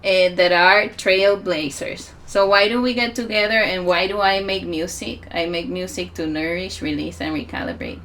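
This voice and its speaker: A woman in her forties with a Puerto Rican accent, giving a reflective conference talk with many pauses. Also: lowish voice, steady tone, a bit bright, slight background noise. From Puerto Rico. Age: 40s. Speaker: musician and healer speaking at a conference.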